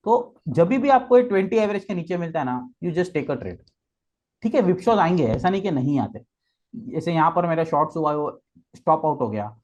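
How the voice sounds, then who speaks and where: The audio quality is poor, carrying a man's slightly high, somewhat mellow voice. In this explanatory walkthrough, the trading guest expert takes viewers through the charts step by step, checking in with "okay" often as he mixes Hindi and English.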